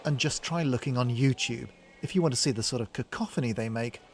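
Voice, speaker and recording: A man's voice: medium pitch, fairly quick, heavy background noise. A man narrating a scripted radio feature as a reporter.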